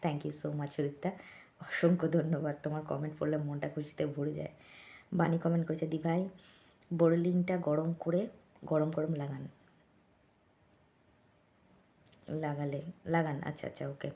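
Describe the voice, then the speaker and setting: A middle-aged woman speaking very quietly late at night, thanking viewers for their comments. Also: sits low, level tone, normal speed, vocal fry. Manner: speaks very softly so as not to wake someone. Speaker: vlogger. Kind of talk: late-night hushed vlog chat reading comments.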